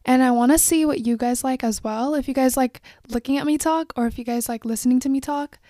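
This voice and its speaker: A young woman in her late teens hosts a casual solo podcast, rambling and reflecting with lots of fillers. Her high voice is brisk and mellow, recorded dry with studio quality using a phone and microphone.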